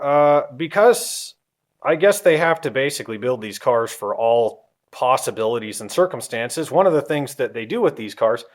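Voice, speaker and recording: Relaxed, rambling man explaining engine work. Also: medium pitch. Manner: relaxed and rambling, with frequent ums and self-corrections. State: a little out of breath. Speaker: car hobbyist vlogger. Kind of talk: casual how-to explanation.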